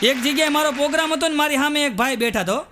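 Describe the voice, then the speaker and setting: A man performing stand-up comedy, telling jokes and sometimes singing verses slowly. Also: very high voice, a crowd in the background. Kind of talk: live Gujarati comedy show with jokes and sung verses. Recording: live stage recording with audience and noise.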